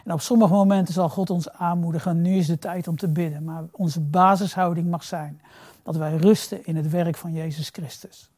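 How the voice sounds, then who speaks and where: A man preaches a reflective sermon at a normal speed and in a steady tone, repeating phrases for emphasis. On key words his voice sinks soft and low, and the recording is dry.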